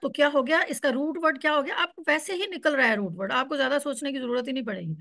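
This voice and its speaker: A woman's voice: high-pitched, quick pace, gravelly, a bit bright, no room sound, clean studio sound. A woman teaching a class, explaining step by step and repeating words so students can follow. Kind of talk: online Quran Arabic class.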